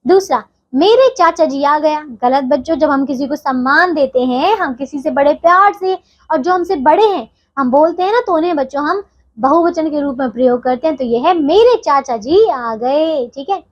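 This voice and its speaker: A woman's voice: sits high, lively intonation, moderate pace, muffled recording. A woman teaching a grammar lesson to young children, patient and explaining step by step, often checking that they follow.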